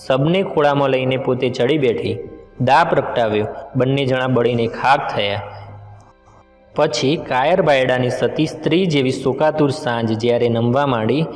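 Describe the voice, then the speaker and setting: A man narrating a folk tale in a dramatic storytelling manner, voicing the characters' exclamations. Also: medium pitch. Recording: echoey reverberant room with music behind.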